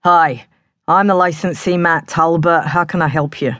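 A woman's voice: sits low, moderate pace, a bit bright, dry recording, clean studio sound, pitched above the performer's own voice. A woman voicing a flirty, self-assured male pub licensee in his early thirties with a Cockney accent, overly familiar and chummy. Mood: chummy flirting.

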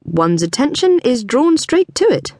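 A woman's voice: high voice, sing-song, measured pace, a little mellow, no room sound, voice pushed up, full character voice. A woman voicing a dry-witted young female detective in an audiobook, talking in an understated, wry way. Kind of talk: audiobook dialogue.

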